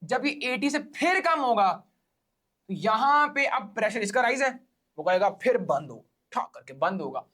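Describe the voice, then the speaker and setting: A man's voice: very high voice, sing-song, measured pace, sharp tone. A man with a Pakistani accent giving a casual biology lecture to exam students, explaining step by step, repeating key points and checking that they follow.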